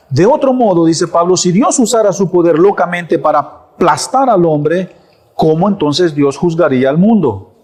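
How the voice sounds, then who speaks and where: Emphatic pastor preaching. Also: male voice, a little high, a little mellow. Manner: emphatic, repeats phrases for stress, rhetorical questions. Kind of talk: sermon. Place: church.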